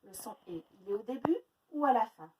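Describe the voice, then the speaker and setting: A high, very lively woman teacher from France leads young children through a phonics lesson. She talks slowly and stretches each word into exaggerated syllables. Her voice sits a little back from the mic, with faint noise behind it. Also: far from the mic. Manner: slow, exaggerated syllable-by-syllable pronunciation.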